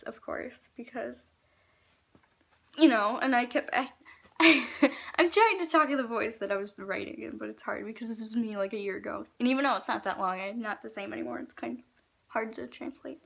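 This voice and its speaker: Young female vlogger, higher-pitched with vocal fry, reading aloud with embarrassment, casual and halting, slightly noisy recording. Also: a bit bright. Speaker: vlogger reading own diaries.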